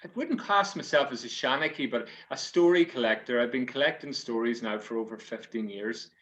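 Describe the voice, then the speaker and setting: A man's voice: medium pitch, brisk, a bit bright. Male Irish storyteller, Donegal accent, folksy and hesitant, addressing listeners directly. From South Donegal, Ireland. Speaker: storyteller and author.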